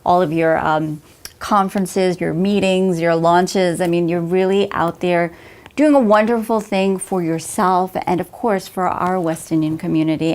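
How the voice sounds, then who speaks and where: A woman hosting a TV interview show, asking questions and heaping praise on her guest. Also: on the low side. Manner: effusive, complimentary. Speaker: TV show host.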